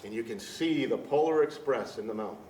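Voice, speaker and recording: A man's voice: mid-range voice, animated, brisk, a little mellow, close to an everyday voice. A man playing a jolly old Santa Claus who talks affectionately and heartily to children before a storybook reading. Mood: cosy, chatty. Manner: jovial, affectionate, hearty ho-ho-ho talk. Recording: echoey room, distant mic, background noise.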